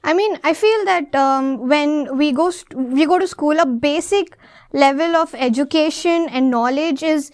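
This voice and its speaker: High-voiced young Indian woman debating. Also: a little mellow, no echo, studio quality. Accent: Indian English. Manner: assertive, quick to argue back. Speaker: panelist. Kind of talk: student panel discussion.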